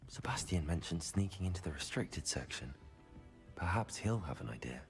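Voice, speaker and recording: A man's voice: deep voice, lively intonation, moderate pace, gravelly, soft background music. An actor playing a young male wizard student in a video game, speaking politely and plainly.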